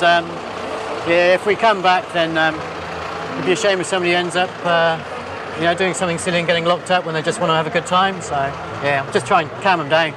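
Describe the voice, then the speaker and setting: A man with a New Zealand accent, a police officer talking casually and matily outdoors amid street noise. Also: high-pitched. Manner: matey, plain-spoken. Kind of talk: casual, unscripted on-the-job talk. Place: on patrol outdoors and by car. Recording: noisy outdoor street and vehicle sound.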